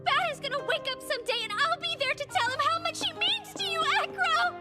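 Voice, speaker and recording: Very high, sweet circus girl. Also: a little fast. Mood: tearful resolve. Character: sweet, naive, emotional young circus girl. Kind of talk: video game character voice acting. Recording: long reverb, faint music behind.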